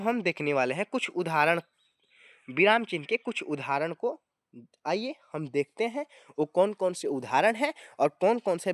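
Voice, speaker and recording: A man with a high voice teaches a grammar lesson to exam students, explaining step by step, in a studio-quality recording with no echo. His style is explanatory, and he often calls viewers "friends" and adds tag words.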